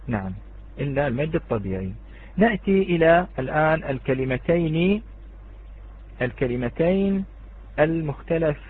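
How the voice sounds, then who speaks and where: A man's voice: a little high, slightly rough. A man teaching a tajweed lesson to students, explaining patiently and asking and answering his own questions. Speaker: Quran recitation teacher. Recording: tinny phone-line sound.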